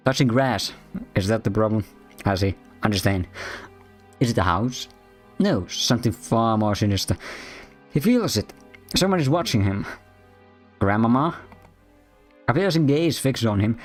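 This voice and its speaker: A man reads a mystery game's narration aloud and keeps breaking in with sarcastic jokes. His voice sits at an ordinary middle pitch. Faint game music plays under him. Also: a little mellow. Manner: jokey, sarcastic asides. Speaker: game streamer. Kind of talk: let's-play narration and commentary.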